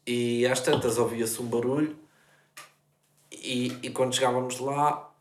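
A young man with a European Portuguese accent chats in a relaxed, slangy way. His voice sits at an ordinary middle pitch. The recording has a roomy echo. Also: unhurried. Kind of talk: casual chat.

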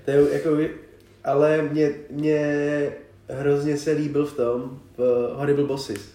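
A young man co-hosting a casual podcast, slangy and quick to agree, with lots of fillers. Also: on the high side, little pitch movement, mellow. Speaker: podcast co-host. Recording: echoey room.

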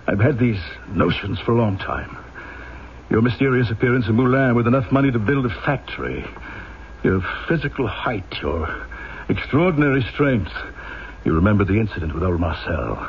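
A severe, honour-bound French police inspector in an old-time radio play. His delivery is formal and deliberate, with emphatic self-accusation. The vintage recording is dull and clearly noisy. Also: fairly low pitch, sing-song. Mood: grave, reporting. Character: stern, rigidly honourable French police inspector confessing a fault.

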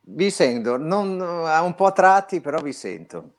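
Radio guest on a remote line, a man from northern Italy, lively and prone to restarts. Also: on the high side, measured pace. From Belluno, northern Italy. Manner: lively, restarts words often. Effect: remote caller's voice over an internet line. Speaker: guest calling in to a radio show. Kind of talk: casual chat, telling a story.

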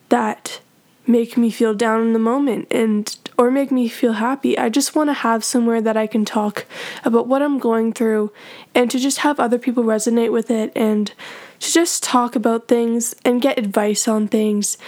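A woman's voice: a little high, a little mellow. A teenage young woman hosting a casual solo podcast, speaking in an informal, earnest, rambling way with a retainer in her mouth. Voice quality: talking with a dental retainer in. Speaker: podcast host.

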